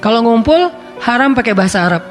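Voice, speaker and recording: A man's voice: very high-pitched, expressive, quick pace, faint music behind. A male preacher giving a casual, chatty sermon, talking conversationally and now and then reciting scripture.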